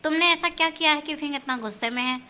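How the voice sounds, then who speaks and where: A woman's voice: sits high, fast talker, pushed and bright. A woman voicing a bossy mother who scolds her grown sons. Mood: scolding.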